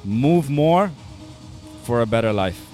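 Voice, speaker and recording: A man speaks eagerly and motivationally as a fitness coach on a podcast. His voice is mid-pitched, he agrees readily throughout, and faint music sits in the background. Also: expressive, slow pace, mellow. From Dubai. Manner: eager and motivational, many "yeah"s. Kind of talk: casual interview chat.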